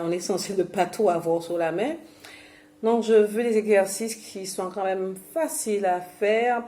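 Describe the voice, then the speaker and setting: A woman from Guadeloupe runs a home exercise session for seniors. She speaks into her own camera's mic in a chatty, halting way. She stops often to restart a thought or fill a pause. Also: mid-range voice, mellow. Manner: chatty, hesitant with many fillers and restarts. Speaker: senior fitness and memory instructor. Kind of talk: instructional talk to seniors at home. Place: home, self-filmed.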